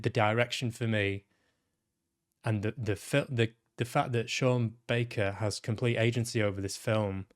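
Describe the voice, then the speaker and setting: A man talks loosely on his own podcast, frank and blunt, swearing freely as he picks a film apart. His voice sits at a middle pitch, and his talk is full of quick restarts. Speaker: podcast host. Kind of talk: casual monologue, film critique.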